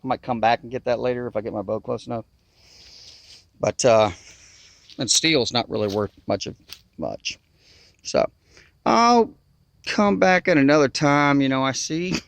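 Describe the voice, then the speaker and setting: A man with a gravelly, creaky voice and a Southern American accent, talking casually to his camera outdoors. His speech has a nasal twang and a folksy drawl. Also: medium pitch, fairly bright tone, no room sound. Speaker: outdoor video maker. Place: outdoors in river bottoms.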